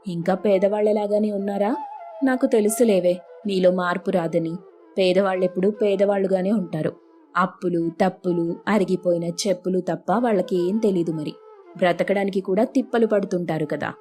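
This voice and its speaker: A woman's voice: mid-range voice, moderate pace, mellow, faint music behind, lightly acted. A woman voicing an arrogant, bossy rich elder sister who brags and sneers at the poor. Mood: scornful. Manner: haughty, boastful and scornful.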